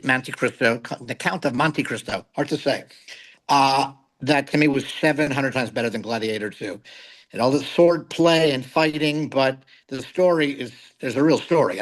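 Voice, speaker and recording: A middle-aged man, a comedy writer, giving blunt and animated opinions on films in a casual chat. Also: medium pitch, poor audio. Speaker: guest film critic, comedy writer. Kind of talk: casual film review chat.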